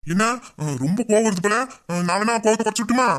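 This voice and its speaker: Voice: mid-range voice, quick pace, lightly acted. A performer voicing a teasing young man, a bossy boss and doting suitor, in an audio drama. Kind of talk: Tamil audio drama acting.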